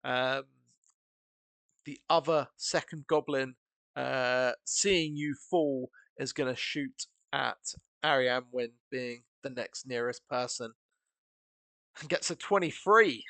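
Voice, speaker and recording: Slow, gravelly male game master. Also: mid-range voice, bright, forceful tone, dry recording. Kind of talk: narrating a tabletop game.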